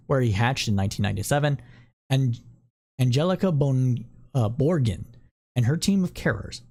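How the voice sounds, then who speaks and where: A host wraps up a casual weekly news stream, reading stories aloud with the occasional stumble. The voice sits mid-pitch with a mellow, relaxed warmth, and it gets playful when something cute comes up. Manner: playful, coos and repeats over a cute picture; reads news copy aloud with small slips.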